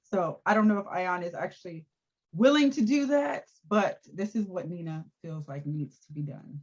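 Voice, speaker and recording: A woman co-hosting a casual recap chat, animated and laughing often as she acts out quotes. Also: on the low side, normal speed, highs cut off. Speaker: podcast co-host.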